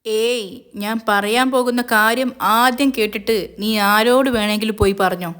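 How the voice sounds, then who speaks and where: Voicing a menacing male villain, a woman plays a gloating kidnapper who mocks and threatens someone over the phone in a taunting mood. Her voice is on the high side, bright and clean, with fairly even intonation, a moderate pace, and a natural sound.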